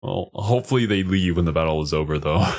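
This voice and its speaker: A man's voice: low-pitched, animated, fast talker, darkish tone. A man streaming casual reaction commentary, thinking aloud a little hesitantly as he goes.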